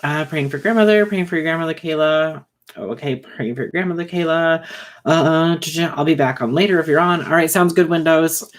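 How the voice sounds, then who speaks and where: A man hosting a casual livestream who talks fast and rambles, with many fillers and restarts. He is short on sleep. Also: fairly high pitch. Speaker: livestream host reading chat.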